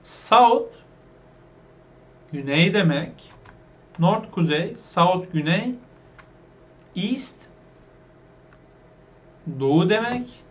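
A man with a fairly high voice teaches an online English lesson. He explains slowly and patiently, repeats each word and quizzes his viewers as he goes. The recording sounds dull and lo-fi. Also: expressive.

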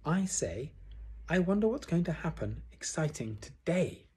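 A man voicing a small, timid, earnest piglet in a storybook, asking things in a hushed, eager way. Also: fairly high pitch, big pitch swings, measured pace, breathy edge, pitched above the performer's own voice, exaggerated voice. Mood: earnest, curious. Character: small, timid, earnest male piglet, loyal little friend.

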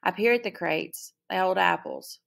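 A woman reading a novel aloud as first-person narrator, in a steady, measured delivery. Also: lowish voice, gravelly. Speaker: audiobook narrator.

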